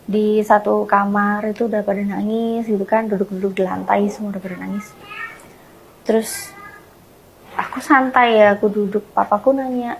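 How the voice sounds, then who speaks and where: A woman being interviewed, earnestly retelling a personal story in casual chat, often trailing off softly at the ends of phrases. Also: medium pitch, flat delivery, normal speed, vocal fry, a little hiss or hum, rough recording. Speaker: guest sharing her conversion story.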